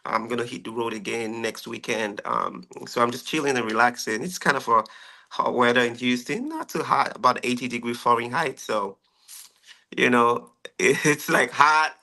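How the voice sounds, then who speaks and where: A man's voice: medium pitch, moderate pace, gravelly, pushed and bright. A man in his thirties from Nigeria with a Nigerian accent, chatting easily as a guest on a radio interview show, often laughing. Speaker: guest musician.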